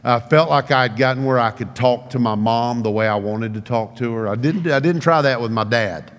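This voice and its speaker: A man preaching a sermon and telling a personal story. He stammers and repeats words, rising into loud, animated bursts and then dropping to hushed, low tones. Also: normal speed. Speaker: pastor. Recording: long reverb of a large hall.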